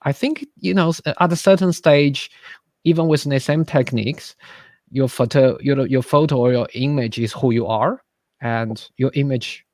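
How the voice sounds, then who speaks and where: Male host, mid-pitch, halting and eager, dry close sound on a video call. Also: a little mellow, no echo. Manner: halting, many fillers and restarts, enthusiastic praise. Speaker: webinar host. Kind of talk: casual webinar hosting.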